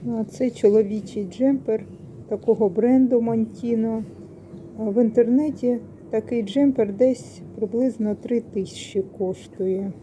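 Slow-talking woman reviewing secondhand clothes. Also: on the high side, mellow, a little hiss or hum. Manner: unhurried, explanatory, with fillers and self-corrections. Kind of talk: casual vlog commentary. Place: secondhand shop, indoors.

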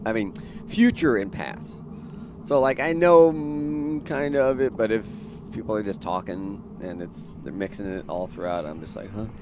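A man's voice: lowish voice, normal speed, noisy background. A young man from Florida chatting casually as a streamer, rambling and trailing off with fillers. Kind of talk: casual chat.

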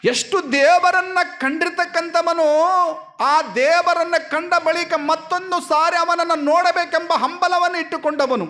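A man, a swami giving a sermon. He tells a story in an animated way, acting out the dialogue and asking the audience questions. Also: very high-pitched. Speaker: swami giving a religious discourse.

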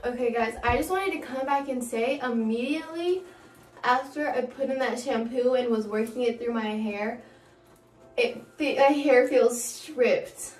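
A woman's voice: fairly high pitch, a little slow, soft background music. A young woman vlogging casually at home into a camera mic, chatty and a little anxious, rambling and restarting her sentences. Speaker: beauty vlogger. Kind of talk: casual vlog chat.

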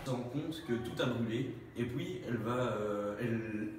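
A man's voice: mid-range voice, moderate pace, a crowd in the background. Hesitant teen boy in echoey hallway. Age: teens. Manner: hesitant, stumbling retelling. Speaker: interviewed student. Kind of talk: vox pop film retelling. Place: school hallway indoors. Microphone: phone held out by interviewer.

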